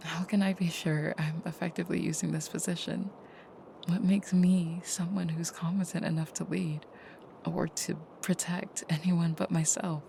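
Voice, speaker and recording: A woman with a fairly low voice plays a soft-spoken, tender vampire girlfriend in intimate audio roleplay, using a breathy near-whisper and gentle, somewhat formal phrasing. She sounds anxious and self-doubting, with a little hiss or hum in the recording.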